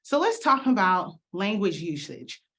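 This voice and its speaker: A woman co-presenting a live webinar, friendly and brisk as she moves to the next slide. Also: medium pitch, sing-song, fairly bright tone.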